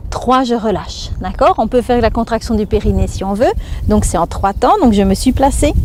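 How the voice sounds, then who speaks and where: Belgian woman, fitness coach, somewhat high voice, talks through the moves as she does them, faint hiss behind. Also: a little fast, darkish tone. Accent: Belgian French. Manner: explains step by step while doing the exercises, counting breaths. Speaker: fitness instructor. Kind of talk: exercise demonstration.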